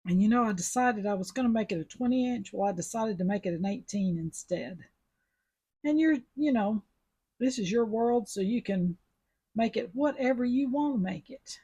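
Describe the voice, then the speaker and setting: Husky woman doing a chatty beading tutorial, kinda high voice. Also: lively intonation, normal speed, mellow. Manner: chatty, step-by-step instructions. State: sucking a mint after coughing. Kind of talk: casual craft tutorial.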